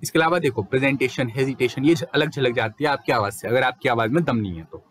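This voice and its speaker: A young man giving a casual, fluent lecture as a teacher, explaining quickly and mixing in English terms. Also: mid-range voice, a little hiss or hum.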